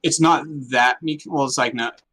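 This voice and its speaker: Male co-host whose call line echoes as if from a silo; bright, tense tone, halting delivery. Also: medium pitch. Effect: echoing voice over a call, as if inside a silo. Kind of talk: casual chat on a voice call.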